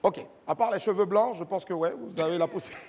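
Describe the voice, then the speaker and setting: A man's voice: high voice, quick pace, darkish tone. A man hosting a comedy show as a mock parliament president, announcing acts to the audience. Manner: announcing, stage emcee. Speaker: host playing a parliament president. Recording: live stage with crowd noise.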